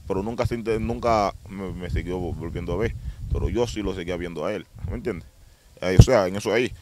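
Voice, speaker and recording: A young man telling his testimony in a rapid, streetwise way, often asking if he's understood. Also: fairly low pitch, very noisy. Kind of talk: casual storytelling testimony.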